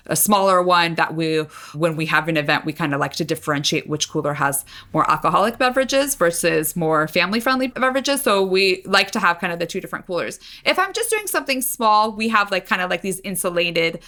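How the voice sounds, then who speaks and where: A young adult woman co-hosting a podcast in relaxed casual chat, often using "like" as a filler. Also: on the low side, fast, few pauses. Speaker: podcast co-host.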